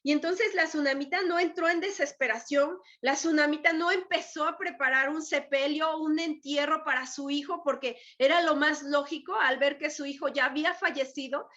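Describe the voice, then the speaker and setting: A woman teaching a Bible lesson in a relaxed, conversational way, acting out the characters' words. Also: high voice, moderate pace, hardly any pauses, lo-fi sound. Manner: retells scripture in conversational voices, many fillers. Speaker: women's ministry preacher.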